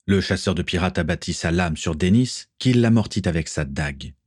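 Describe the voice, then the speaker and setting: A man narrating an adventure story in a steady, even reading voice. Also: low voice, moderate pace, husky, no echo, studio quality. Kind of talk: audiobook reading.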